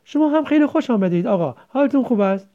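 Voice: medium pitch, animated, pitched above the performer's own voice, close to an everyday voice. A narrator voicing an emotional, pregnant young village woman who speaks earnestly, in a dull lo-fi recording. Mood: welcoming.

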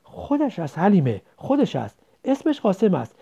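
A narrator voicing a calm village husband who reassures his wife plainly, in a dull lo-fi recording. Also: mid-range voice, creaky, husky, voice pushed up, full character voice. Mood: reassuring.

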